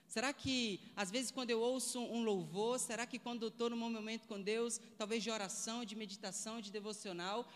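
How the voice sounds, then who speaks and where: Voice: medium pitch, in a large hall. A preacher giving a sermon, asking the listeners one rhetorical question after another.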